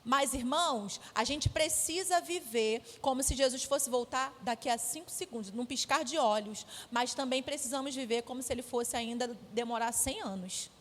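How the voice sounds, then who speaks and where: A woman's voice: high-pitched, normal speed, few pauses, a bit bright. A woman with a Brazilian Portuguese accent, preaching a sermon in a firm, emphatic, conversational way. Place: church sanctuary. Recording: echoey church hall.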